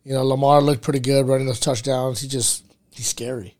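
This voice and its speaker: Co-hosting a casual sports podcast, this man talks like a frat bro, full of slang and freely sweary banter. His medium-pitched, darkish voice stays fairly even in intonation and runs a little fast.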